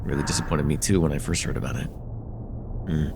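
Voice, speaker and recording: In a casual slice-of-life ASMR roleplay chat, a young man plays a friendly, slightly nervous college student who stammers and puts himself down. His voice is extremely low, fairly even and fast, with background noise, and his mood is disappointed and wistful.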